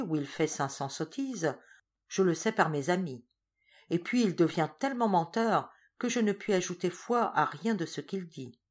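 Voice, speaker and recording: A woman voicing an irascible aging father. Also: lowish voice. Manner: loud, indignant outbursts. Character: irascible aging man, lonely rich father.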